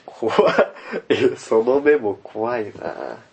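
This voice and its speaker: A man co-hosting a podcast in casual chat, teasing and answering with short, quick reactions. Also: mid-range voice, big pitch swings, vocal fry, slight background noise. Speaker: podcast co-host.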